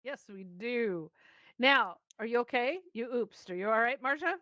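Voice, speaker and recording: A woman's voice: on the high side, expressive, moderate pace, bright, forceful tone, dry recording, dull audio. A woman co-hosting a live-stream news show, chatty and enthusiastic. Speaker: co-host.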